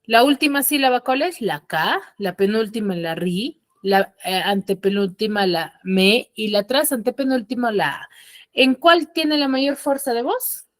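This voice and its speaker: A woman's voice: a little high, measured pace, no room sound, studio quality. A woman teaching an online class, patiently explaining and often checking that her students follow. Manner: patient, asks frequent check questions. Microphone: computer mic on a video call.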